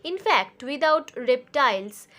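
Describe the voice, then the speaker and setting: A woman teacher with an Indian English accent, reading a story aloud to a class in an expressive, measured way. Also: high voice.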